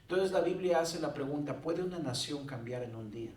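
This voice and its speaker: A man's voice: a little high, animated, brisk, darkish tone. A male pastor preaching a sermon in a conversational way with joking asides. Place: church sanctuary. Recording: roomy church sound from a distant mic.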